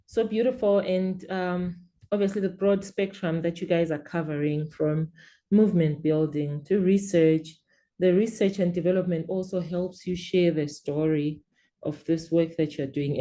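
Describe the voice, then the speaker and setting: A woman's voice: on the low side, dark tone. A woman moderating an online panel, speaking in an appreciative, reflective way.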